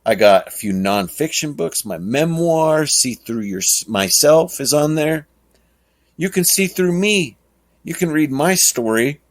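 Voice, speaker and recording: A man's voice: on the high side, animated. A man hosting a podcast, talking casually in a rambling, chuckling way. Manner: rambling, chuckling, slow and drawn out. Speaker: podcast host. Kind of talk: casual monologue.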